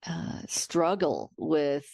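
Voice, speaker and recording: A woman podcast host with a low, gravelly voice that sounds slightly worn. She talks reflectively, searching for her words with pauses and fillers. The sound is close and dry. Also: big pitch swings, a little mellow, no room sound. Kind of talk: reflective interview conversation.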